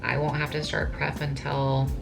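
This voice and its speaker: A woman's voice: low-pitched, little pitch movement, normal speed, vocal fry, music in the background. A woman in her late twenties, a bikini competitor, chatting casually and ramblingly to camera with lots of filler words. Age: 20s.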